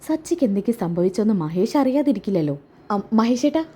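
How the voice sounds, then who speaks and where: A woman's voice: mid-range voice, sing-song, fast, dark tone, slightly rough. A woman voicing a scheming young woman who puts on sly, fake surprise.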